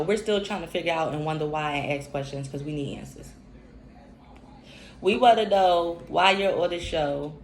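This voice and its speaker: A woman, giving an unscripted, profane, emphatic reality-TV recap rant. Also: mid-range voice. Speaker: recap commentator. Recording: echoey room with faint hiss.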